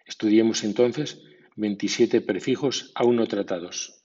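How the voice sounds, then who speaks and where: A man narrating a scripted pronunciation lesson, slowly spelling out prefixes and reading example words. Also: lowish voice, dark tone, husky, dull audio. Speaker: English pronunciation teacher.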